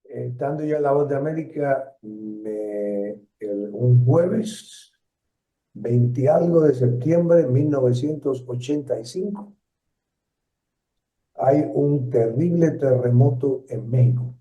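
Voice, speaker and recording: A retired journalist from Puerto Rico, a man in his seventies with a Puerto Rican Spanish accent, tells stories in an interview, reflective and halting with lots of fillers and restarts. His voice is mid-range and dark. The sound is roomy, distant, dull, and lo-fi.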